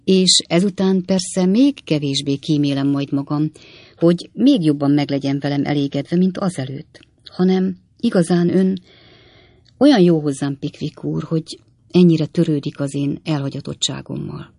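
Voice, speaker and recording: A fluttering, eager widowed landlady from a storybook reading, as the reader puts her on. The voice is gravelly and the sound dry and close. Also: medium pitch, darkish tone, dry recording, close to an everyday voice. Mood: flustered.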